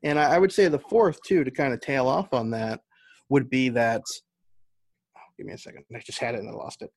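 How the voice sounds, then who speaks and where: A gravelly, slightly mellow American voice at middling pitch belongs to a novelist and audio drama writer guesting on a podcast. He speaks briskly and conversationally, thinking through his points as he goes, with no room sound at all.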